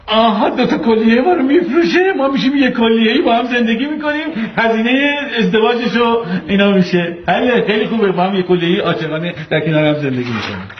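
An actor playing a joking young husband who plans the costs of a baby in a mock-cheerful, sarcastic way. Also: male voice, a little high, expressive, hardly any pauses, lightly acted. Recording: roomy, dull clip with faint ambience.

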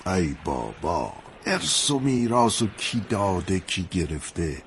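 A man's voice: low voice, big pitch swings, a little hiss or hum. An actor playing a sentimental middle-aged innkeeper who lectures two feuding brothers with fatherly sayings, in a TV drama. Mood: coaxing. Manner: fatherly, moralizing, quotes sayings. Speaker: guesthouse host mediating between feuding brothers. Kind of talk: television drama acting.

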